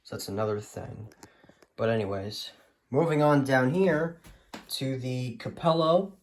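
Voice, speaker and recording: A hobbyist collector presents his radio collection in a casual, unscripted show-and-tell, speaking hesitantly and often trailing off. His pitch is medium and his pace unhurried.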